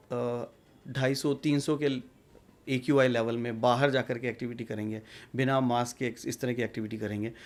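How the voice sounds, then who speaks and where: Male doctor guest, gravelly voice, measured explainer. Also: mid-range voice. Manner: measured, explanatory, mixes English terms. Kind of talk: medical interview answers.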